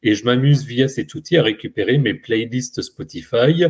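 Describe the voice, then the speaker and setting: A man's voice: mid-range voice, normal speed, breathy edge. A man on a tech podcast, patiently explaining concepts with simple analogies. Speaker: podcast co-host. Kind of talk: casual explanatory chat.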